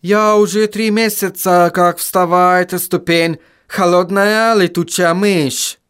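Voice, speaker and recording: A man voicing a trembling vampire who sings a slow, quavering hymn in a storybook reading. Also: sits high, steady tone, fairly bright tone, clear, resonant tone, voice pushed up. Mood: ashamed. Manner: quavering, slow sing-song.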